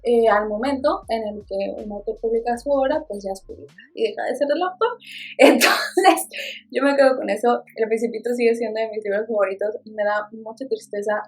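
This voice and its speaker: A woman with a Mexican accent talks through her recent reads in a relaxed, expressive vlog chat, tossing in playful asides. Her voice sits a touch high and has a soft, breathy, husky edge. Faint music plays quietly behind her. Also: a little fast, hardly any pauses. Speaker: book vlogger. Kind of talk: casual book review chat.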